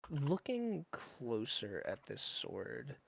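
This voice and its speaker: A man playing a tabletop role-playing game who describes his character's actions slowly and casually. His voice is very gravelly and crackly, and the mic sound is a little dull and dry. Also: medium pitch, huge pitch swings, fairly bright tone, no room sound. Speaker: player.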